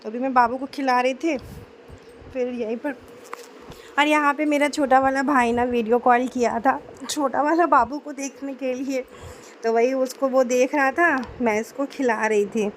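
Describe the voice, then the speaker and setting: A young woman with a sore throat narrating a home vlog in a chatty, homely voice-over, speaking gently. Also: high-pitched, fairly even intonation, normal speed, a little hiss or hum. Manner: chatty, homely, mixes in English words. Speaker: vlogger.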